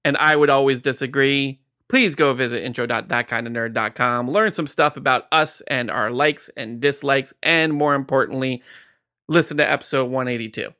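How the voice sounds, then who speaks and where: A man's voice: mid-range voice, normal speed, bright, forceful tone. A man moderating a casual podcast, introducing topics with banter.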